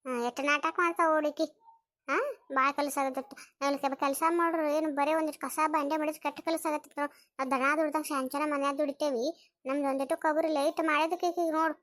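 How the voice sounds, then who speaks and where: A woman's voice: high voice, steady tone, fast, a bit bright, no room sound, voice pushed down. A woman voicing a resentful older mother-in-law, muttering complaints about housework. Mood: grumbling.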